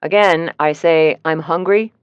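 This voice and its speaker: A woman's voice: low-pitched, a little slow, smooth, no room sound, highs cut off. A woman reading the lines of a hungry, impatient grown man in an audiobook, dry and teasing.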